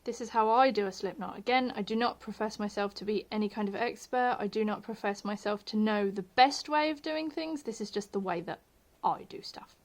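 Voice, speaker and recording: A woman's voice: mid-range voice, brisk, hardly any pauses. Chatty woman teaching crochet. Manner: chatty, self-deprecating, drops to murmurs while working; says she has her posh telephone voice on. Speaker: crochet tutorial host. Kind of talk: casual home tutorial.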